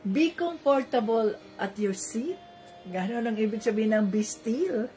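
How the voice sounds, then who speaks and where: A woman's voice: a little high, unhurried, dark tone, soft background music. A woman giving a casual Bible teaching, repeating phrases soothingly and mixing in English. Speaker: Bible study preacher.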